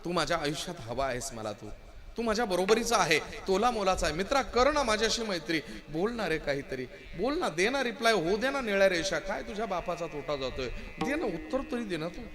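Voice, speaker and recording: Guy doing a vain proud young man, pitched way up and loud, all full of himself. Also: sing-song, a little fast. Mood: pleading. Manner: boastful and scornful, then pleading. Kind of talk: kirtan storytelling.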